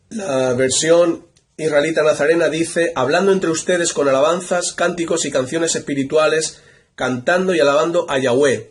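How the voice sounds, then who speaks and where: A man giving a Bible study lecture, reading verses aloud and stressing each point emphatically by repeating it. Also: mid-range voice. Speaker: Bible teacher.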